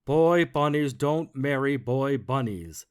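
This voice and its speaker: A man voicing a booming, pompous stink bug ruler. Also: lively intonation, clear, resonant tone. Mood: stern. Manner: loud, slow, booming decrees.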